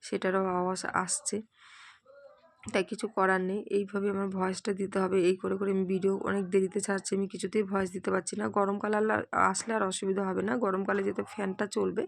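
A young adult woman narrating a home cooking video in a casual voice-over, halting and full of fillers, her throat strained and catching. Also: mid-range voice, vocal fry. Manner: hesitant, many fillers. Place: home kitchen, voice-over recorded at home by day.

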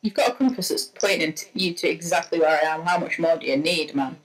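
A woman's voice: lowish voice, fast, rough recording. A young woman playing an online game with friends, chatting casually in a teasing, giggly way. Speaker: speedrunner player. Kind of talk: casual gaming chat.

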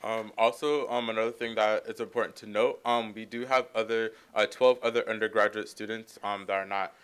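A young man presenting at a podium, halting and filling pauses with many ums. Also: fairly low pitch, level tone, fairly bright tone, slight background noise. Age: young adult. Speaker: undergraduate program coordinator. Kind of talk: panel presentation. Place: conference room. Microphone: podium microphone.

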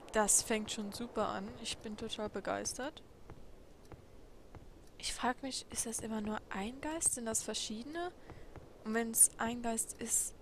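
A woman commenting casually on a game she plays, quietly musing aloud and asking herself questions. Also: fairly high pitch. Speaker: let's play host. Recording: audible background noise.

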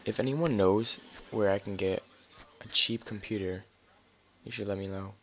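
A man's voice: on the low side, moderate pace, a bit bright, slight background noise. A man doing casual live gameplay commentary on a headset mic as a raging gamer, swearing and grumbling in exasperation. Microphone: gaming headset.

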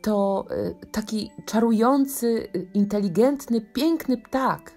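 A woman's voice: on the high side, slow, warm tone, faint music behind. A woman voicing a flustered, timid king who speaks hurriedly and anxiously, in a bedtime storybook reading.

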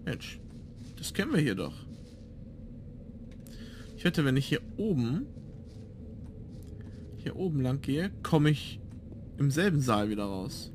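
A man's voice: mid-range voice, big pitch swings, takes it slowly, long pauses, a little mellow, a little hiss or hum. A man giving casual gameplay commentary as a let's player, musing aloud to himself. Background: game sound.

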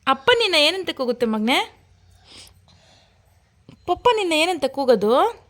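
A young woman with a high, light voice talks with her little son at home. She coaxes and teases him with sing-song questions. Her tone is playful, patient and motherly. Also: very animated, slow, a bit bright. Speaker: mother and vlogger. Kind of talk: playful chat with a toddler.

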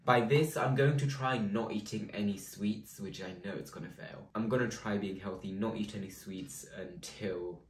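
A man's voice: fairly low pitch, normal speed, few pauses. Chatty teen guy, echoey room. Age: teens. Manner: chatty, filler-heavy, lots of "um" and "like". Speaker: vlogger. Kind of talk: casual vlog talk. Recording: echoey room with faint noise.

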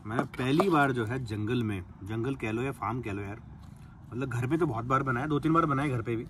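A young man talks through his camp cooking in a relaxed, chatty way, narrating each step. His voice sits in a middle pitch. The phone recording catches plenty of outdoor noise around him. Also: a little fast, far from the mic. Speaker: vlogger cooking at a campsite. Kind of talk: casual cooking chat with friends. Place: outdoors at a farm campsite.

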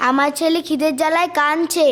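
An actress playing a poor, sorrowful young mother who was abandoned, speaking in a slow, pleading way in an amateur village drama. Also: high-pitched, fairly even intonation, over music, close to an everyday voice.

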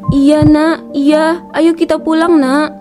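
A woman voicing a poor, sick mother in a cartoon who speaks gently and groans with pain. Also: high-pitched, flat delivery, slow pace, faint music behind. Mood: gentle sorrowful. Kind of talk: cartoon voice acting.

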